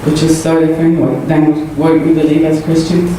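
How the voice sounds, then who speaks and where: As a guest in a church hall, a woman from Saudi Arabia whose first language is Arabic offers personal testimony to the congregation, earnestly and haltingly with fillers. Her low voice shows little pitch movement. The recording is echoey, distant, and noisy.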